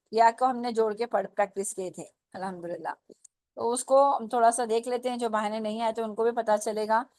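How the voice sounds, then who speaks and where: A woman teaches the Urdu script online, patiently drilling letters and words syllable by syllable in slow, drawn-out fashion, repeating and checking that students follow. Her fairly high, darkish voice comes through on a dry recording.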